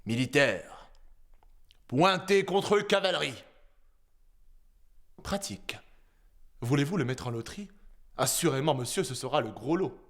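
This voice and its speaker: A man's voice: mid-range voice, expressive, unhurried, long pauses, a bit bright. Proud, mocking swordsman: hammy stage actor delivery, theatrical verse monologue, flamboyant changes of tone. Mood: mock-tragic. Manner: hammy stage acting, declaimed, switching tones for effect. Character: proud, witty swordsman mocking an insult to his large nose.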